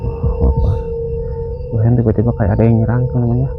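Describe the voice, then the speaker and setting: A man's voice: mid-range voice, little pitch movement, very fast, vocal fry. A man on a night ghost-hunt vlog, a companion who asks short questions and drops in religious exclamations. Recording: tinny phone-like audio, loud eerie music. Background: loud music with singing-bowl tones.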